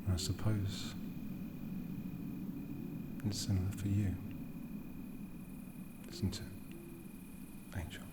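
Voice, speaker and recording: This man's low-pitched, level voice brings an ancient vampire aristocrat to life for ASMR roleplay, half-whispered and breathy. His theatrical, deliberate lines carry menace, condescension and world-weariness, and the mood is brooding and tired.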